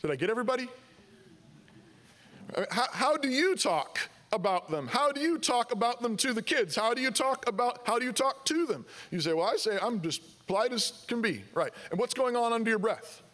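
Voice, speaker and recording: A man's voice: extremely high pitch, animated, a little fast, fairly bright tone. A man preaching a sermon in a conversational way, asking the congregation questions and voicing their objections. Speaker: pastor.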